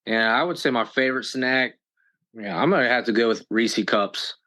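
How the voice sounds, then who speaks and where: A man in his twenties with a bright, forceful voice of middle pitch talks as a guest in a casual panel chat. He keeps a friendly, plain manner. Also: moderate pace. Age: 20s.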